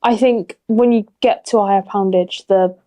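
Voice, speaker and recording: Giggly young woman, warm tone. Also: mid-range voice, steady tone, moderate pace. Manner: giggly, friendly, chatty. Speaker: podcast guest, archer. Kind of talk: casual chat.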